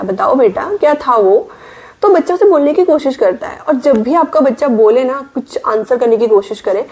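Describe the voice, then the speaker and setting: Higher-voiced Indian woman giving parenting tips. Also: darkish tone. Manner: explanatory, mixes English words into Hindi. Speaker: parenting vlogger, working mother. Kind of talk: casual advice talk.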